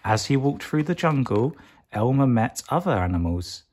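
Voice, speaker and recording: Male storyteller for children's picture book read-aloud. Mid-range pitch, expressive, deliberate, drawn-out emphasis.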